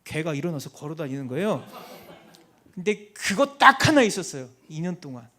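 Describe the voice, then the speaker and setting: High-voiced man telling a lively testimony. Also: a little fast. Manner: animated, acts out quoted people. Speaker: missionary giving a testimony. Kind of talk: church testimony storytelling.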